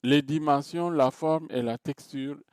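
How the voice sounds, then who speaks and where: Slow, hesitant male lecturer. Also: on the high side, a little mellow, smooth, no room sound, clean studio sound. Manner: hesitant, many filler sounds and restarts; explains step by step, counts items aloud. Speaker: teacher. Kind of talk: recorded lecture to students.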